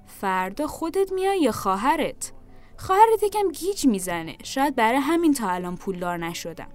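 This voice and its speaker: A woman's voice: sits high, animated, darkish tone, pitched above the performer's own voice. A woman voicing an odd, ratlike grown man who is curious and gullible, with a rather thin voice and a puzzled, questioning way of talking. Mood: suspicious.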